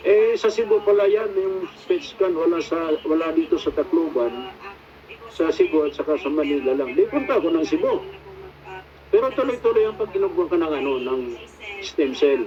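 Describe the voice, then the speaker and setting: A man's voice: on the high side, expressive, moderate pace. A middle-aged man giving a casual spoken testimony as a patient, rambling and searching for words with many fillers, mixing in English phrases. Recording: dull lo-fi recording.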